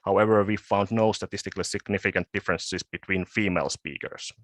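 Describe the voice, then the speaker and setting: Halting low-voiced man presenting research. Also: steady tone, a bit bright, no echo. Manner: halting, with frequent word repeats and restarts. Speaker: conference presenter. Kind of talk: academic conference presentation.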